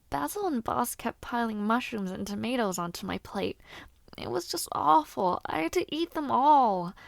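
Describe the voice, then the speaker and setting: In an audio roleplay addressed to the listener, a woman plays a chatty young noblewoman who loves gossip. She talks casually and teasingly, laughing often. Her mid-range voice is gravelly, and the recording is studio quality with no echo.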